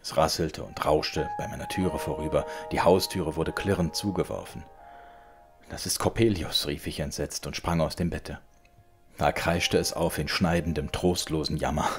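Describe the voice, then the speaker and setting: A man reading a classic tale aloud as an audiobook, in a measured, dramatic way. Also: rumbling low, steady tone, faint music behind. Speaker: audiobook reader. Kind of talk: scripted literary narration.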